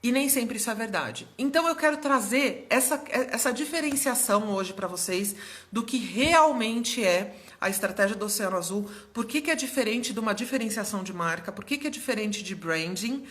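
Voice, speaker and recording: A young woman hosts a casual live stream as a business mentor, her voice fairly high, bright, pushed, and slightly hoarse. She explains things chattily and often checks in with her viewers.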